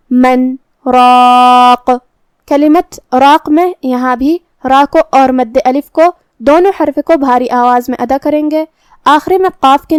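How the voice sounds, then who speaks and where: A woman with a Pakistani Urdu accent calmly explaining Quran recitation rules step by step in a tajweed lesson. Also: high voice, no echo.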